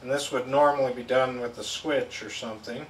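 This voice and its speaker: A middle-aged man works as a product demonstrator, walking through a casual step-by-step demo in plain language in a mid-range voice with fairly even intonation and a fairly quick pace. He's at an indoor tabletop setup with a backdrop, recorded on a distant, echoey mic with background noise.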